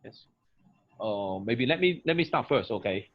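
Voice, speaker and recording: Halting man on a dull call line. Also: medium pitch, animated, dry recording. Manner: halting, full of fillers and "okay" tags. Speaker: freight company chief executive, panel guest. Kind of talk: webinar panel answer.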